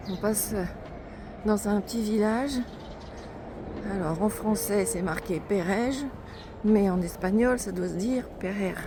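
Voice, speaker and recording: Her mid-range voice is unhurried and broken by long pauses as she chats about her pilgrimage while climbing a mountain path for a vlog. Music plays in the background along with outdoor wind and ambient sound.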